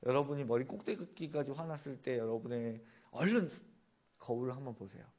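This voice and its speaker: A man's voice: medium pitch, fairly quick, muffled recording. A male pastor preaching a sermon, asking the congregation questions and answering them himself. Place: church sanctuary.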